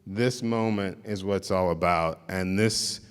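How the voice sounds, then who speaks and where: A man's voice: deep voice, measured pace, clean tone, in a large hall. A man giving an informal storytelling talk as a visiting artist, often restarting and saying "like". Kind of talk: storytelling lecture to an audience.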